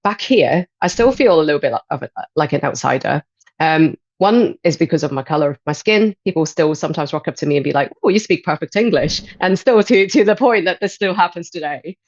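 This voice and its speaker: A woman in her thirties from Hong Kong, a life and transition coach speaking as a podcast guest in a thoughtful, measured way with frequent pauses. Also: deep voice, expressive, dry recording, lo-fi sound. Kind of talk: podcast interview.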